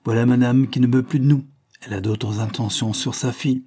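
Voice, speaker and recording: A man voicing a scheming, spiteful middle-aged woman in an audiobook reading, with a shrill, mocking delivery. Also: steady tone, brisk, dark tone, breathy edge, natural voice.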